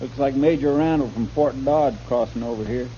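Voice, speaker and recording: A meek, eager-to-please frontier deputy, played by a man, talks in a folksy, deferential way. His voice is mellow, and it sounds muffled like an old radio broadcast. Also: medium pitch, normal speed, a little hiss or hum, natural voice. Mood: earnest. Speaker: marshal's deputy. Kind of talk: 1950s radio drama acting.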